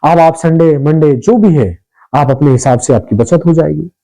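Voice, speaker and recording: A man hosting a business ideas channel, giving casual advice in a rapid, repetitive way and calling his viewers brother. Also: on the high side, dark tone, low-quality recording. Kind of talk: casual advice talk to camera.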